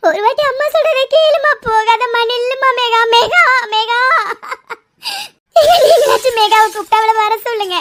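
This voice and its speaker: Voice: extremely high pitch, moderate pace, over loud music. A voice actor playing a grieving middle-aged mother in a cartoon, sobbing and pleading for her lost daughter.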